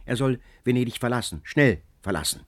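A man's voice: mid-range voice, lively intonation, fairly quick, lightly acted. A man voicing a grieving young noblewoman who pleads tearfully. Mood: desperate.

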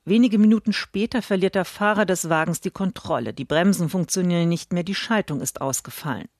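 A woman critic reading a scripted radio book review in a measured way. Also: fairly low pitch, a little mellow, no echo, clean studio sound.

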